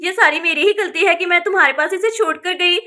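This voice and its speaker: A woman's voice: very high-pitched, brisk, bright, forceful tone. A woman voicing a worried young village mother who scolds her sister in a doll story. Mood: anxious. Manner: anxious, scolding.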